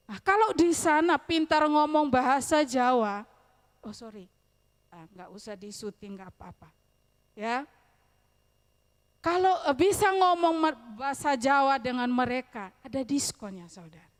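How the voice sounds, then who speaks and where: Brief: female preacher, slightly high pitch, lively sermon with loud peaks and hushed asides. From eastern Indonesia. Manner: lively preaching, rising loud on questions and dropping to quiet asides; addresses listeners as "saudara", speaks with humor. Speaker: evangelist preacher. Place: church service.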